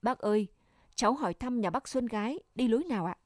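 A woman's voice: a little high, animated, fast, darkish tone, dry recording, studio quality, close to an everyday voice. A woman reading a novel aloud, voicing a polite young male soldier whose words break with grief. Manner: deferential, breaking with emotion.

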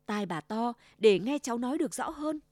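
A cunning old male wolf from a children's storybook, growling his schemes and then faking a soft, quavering granny voice, as a woman puts him on. The recording is dry and close. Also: a little high, animated, brisk, no echo, close to an everyday voice. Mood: fake sweet.

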